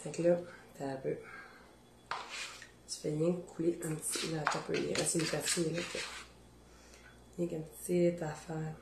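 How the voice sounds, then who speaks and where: A woman's voice: deep voice, a little slow, gravelly, long pauses, roomy sound, noisy background. A woman with a Beauce Quebec French accent, hosting a casual cooking demonstration in her home kitchen and chatting to viewers as she tastes. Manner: chatty, animated, talks to viewers while tasting. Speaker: cooking show host.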